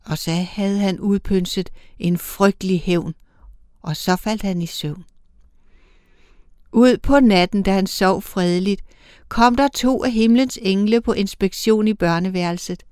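A woman narrating a storybook tale in a measured, expressive way. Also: medium pitch, smooth, dry recording, clean studio sound. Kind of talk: storybook reading.

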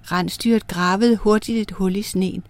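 Woman telling folk myths aloud. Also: medium pitch. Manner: lively, clear storytelling. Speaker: storyteller. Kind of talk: storybook narration of folk myths.

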